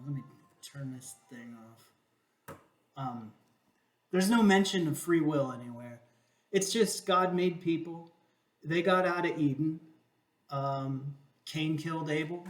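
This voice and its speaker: A man's voice: fairly high pitch, echoey room. A man hosting his own video channel, talking casually and irreverently about a scripture passage, swearing and rambling. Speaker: YouTube video host.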